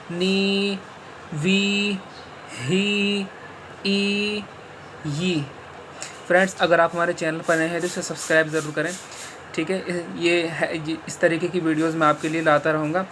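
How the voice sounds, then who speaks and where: High-voiced male Quran teacher, spelling slowly. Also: fairly bright tone, slight background noise. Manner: spells syllables slowly, then explains in quick bursts. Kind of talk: teaching Arabic letter sounds.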